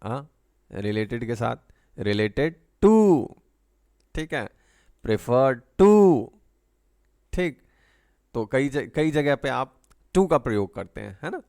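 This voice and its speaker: A man teaching English grammar, reading each example sentence slowly in Indian-accented English and explaining in Hindi, checking in with "है ना". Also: mid-range voice, animated, creaky. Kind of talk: bilingual grammar lesson.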